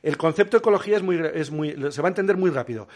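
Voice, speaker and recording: Male guest, slightly high pitch, lively explainer full of rhetorical questions. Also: very fast. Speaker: guest biologist. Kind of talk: casual explanatory interview talk.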